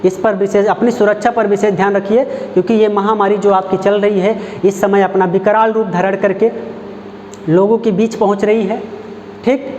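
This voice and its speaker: High-voiced male Hindi teacher, echoey room. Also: little pitch movement, a little mellow, a little hiss or hum. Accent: Hindi, Uttar Pradesh. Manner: repeats example phrases slowly, asks rhetorical questions, says "ठीक" often. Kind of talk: online classroom lesson. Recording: echoey, dull lo-fi room recording.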